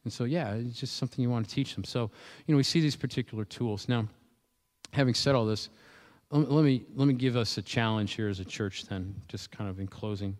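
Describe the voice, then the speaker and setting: A man's voice: medium pitch, fairly quick. A man preaching a sermon as pastor, conversational, with frequent restarts and repeated words. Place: church. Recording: echoey church hall.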